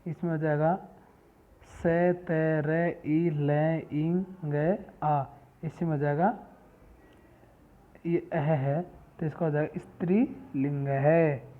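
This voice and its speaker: A man's voice: fairly high pitch, steady tone. A man teaching a school Sanskrit lesson in Hindi, reading each word and its meaning and repeating it back as a question. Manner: reads terms slowly one by one. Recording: tinny phone-like sound.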